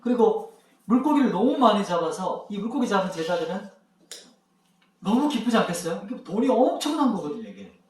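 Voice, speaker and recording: Man, pastor, children's sermon, animated storytelling, very roomy echo, heard from afar. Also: sits high, fairly quick. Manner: lively storytelling with questions to children. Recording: echoey room, mic far off.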